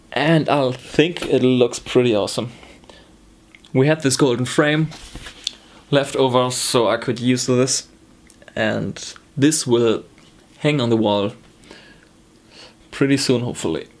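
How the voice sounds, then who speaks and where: The young German knitting vlogger speaks at medium pitch, taking it slowly with long pauses, and a little hiss or hum sits under the audio. With his German accent, he chats ramblingly to a close-framed camera from a small home room, full of ums and self-corrections.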